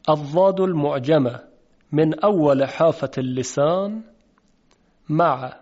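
A man teaching a tajweed pronunciation lesson, patiently explaining and slowly drawing out sounds to demonstrate them. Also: on the high side, darkish tone. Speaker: Quran recitation teacher. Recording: dull, lo-fi recording.

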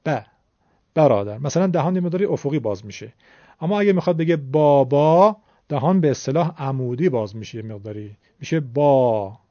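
A man's voice: a little high, mellow, no room sound, muffled recording. A man teaching a lesson on vowel pronunciation, explaining patiently and demonstrating sounds by drawing out and repeating words.

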